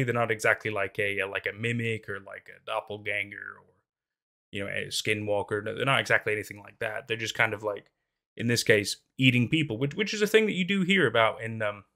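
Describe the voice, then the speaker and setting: A young man with a lowish, pushed, bright voice reads out a horror story, then drifts into casual talk. His commentary rambles and hesitates, heavy with fillers and restarts. He sits at a desk in a small room before a green screen.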